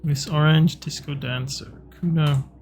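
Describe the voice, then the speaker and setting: A man's voice: fairly high pitch, fairly even intonation, a little slow, a little mellow, faint music behind. A young man chatting casually and swearing freely while streaming a game. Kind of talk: casual live-stream chat while gaming.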